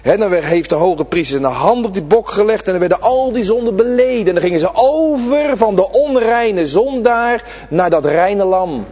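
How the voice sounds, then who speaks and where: A man preaching a sermon to his congregation, swinging between loud, drawn-out emphasis and quiet, low asides. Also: animated, long reverb tail. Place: church.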